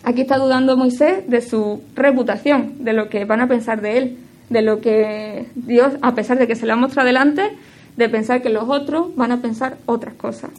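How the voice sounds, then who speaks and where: A woman giving a devotional teaching in a reflective, halting way, with many fillers and self-corrections, her voice often trailing off quieter at the ends of phrases. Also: a little high, fairly even intonation. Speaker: speaker giving a devotional talk.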